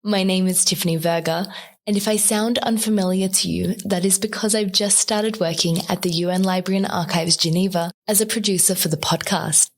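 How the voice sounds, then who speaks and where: A woman's voice: fairly low pitch, fairly even intonation, brisk. Woman reading a scripted podcast intro. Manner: friendly, read from script. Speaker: podcast producer, host of intro.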